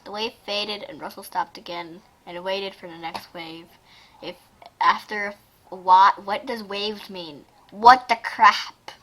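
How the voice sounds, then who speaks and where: A woman with a mid-range, slightly bright voice casually reads fan fiction aloud and reacts to it, giggly and exclamatory, often breaking off mid-sentence to add asides. The recording is rough.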